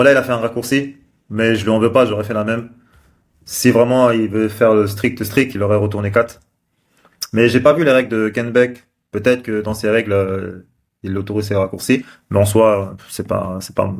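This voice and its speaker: A man's voice: lowish voice, steady tone, normal speed. A man casually talking through code on screen, thinking aloud with many fillers and restarts. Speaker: developer live-coding host. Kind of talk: casual screen-share commentary.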